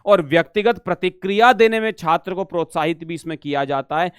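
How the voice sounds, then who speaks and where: Guy teaching an exam prep class, kinda high smooth voice, keeps going "batao batao", dry sound. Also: a little fast, no room sound. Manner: coaxing, repeatedly asks students to answer; reads Sanskrit questions aloud then explains in Hindi. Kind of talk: live online exam-prep lesson.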